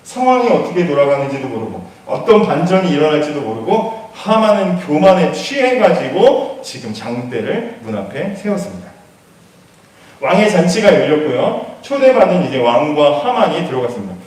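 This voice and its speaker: A pastor retelling a Bible story in a lively sermon, acting out the lines of the characters as he goes. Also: a little high, normal speed, heavy reverb, recorded from a distance, poor audio.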